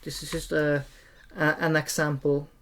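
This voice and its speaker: A streamer giving an unscripted, hesitant gameplay tutorial, often pausing and repeating phrases. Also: medium pitch, flat delivery, a bit bright. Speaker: streamer and game tutorial host.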